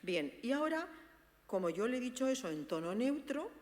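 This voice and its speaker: A woman gives a lively teaching talk to an audience, acting out sample dialogues and speaking to her listeners directly. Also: on the high side, moderate pace. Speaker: speaker presenting a book on active listening. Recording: long reverb of a hall.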